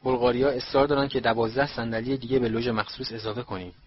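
A man's voice: medium pitch, steady tone, lo-fi sound, close to an everyday voice. A man voicing a stiff, precise older male bureaucrat who speaks curtly and impatiently. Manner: curt, impatient, clipped.

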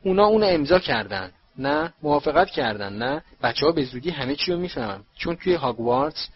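A man voicing a jolly, excitable middle-aged male sports official in an audiobook reading. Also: husky, dull audio, heavily acted. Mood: cheerful. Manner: eager, booming, bouncy.

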